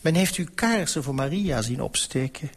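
A man reading an audiobook voices a persuasive elderly male cardinal who talks smoothly and patiently, quietly domineering. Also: a little high, lively intonation, moderate pace.

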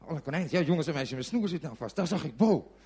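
An actor playing a clumsy, bandaged forest ranger who tells children a dramatic story, swinging from hushed murmurs to shouts. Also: male voice, a little high, quick pace, husky. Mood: excited. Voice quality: animated, sweeping from hushed to shouting. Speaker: children's TV presenter in character.

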